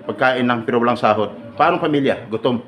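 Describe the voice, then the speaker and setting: A man leading a seminar for departing overseas workers, joking and firing quick questions at his audience. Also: medium pitch, a bit bright. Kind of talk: lively seminar talk to an audience. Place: large hall with an audience. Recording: echoey hall, mic far off, noisy.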